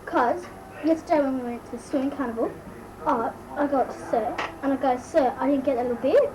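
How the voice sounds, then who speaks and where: Woman doing Kylie Mole, high-voiced bratty Aussie schoolgirl. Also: a little fast, a crowd in the background, natural voice. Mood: mortified gossiping. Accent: Australian. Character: gossipy, easily embarrassed Australian teenage schoolgirl, bratty mole character. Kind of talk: amateur comic impression monologue. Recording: noisy amateur recording, distant mic.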